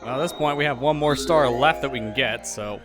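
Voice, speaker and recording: A man's voice: mid-range voice, brisk, over music. A man giving casual let's play commentary, explaining game details with a joking manner.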